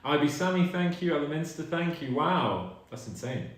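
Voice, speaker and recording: A man's voice: a little high, lively intonation, normal speed. A man co-hosting a live stream, chatting casually and thanking viewers one by one, his voice ringing in a big hall echo. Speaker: streamer co-host. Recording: very echoey room.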